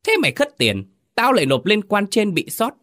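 A man voicing a cruel, greedy old village chief who sneers and shouts threats. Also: medium pitch, big pitch swings, moderate pace. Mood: raging.

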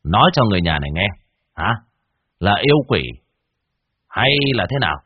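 A cold, threatening young exorcist voiced by a male narrator barks questions in a low, husky voice. The recording is dry and dull, with no room sound. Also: sing-song, moderate pace, no room sound, full character voice. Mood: harsh scolding. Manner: harsh, scolding, threatening.

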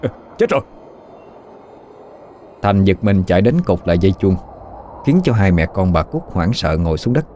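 A man narrating a horror story in a measured, even way. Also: low-pitched, slight background noise. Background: faint music.

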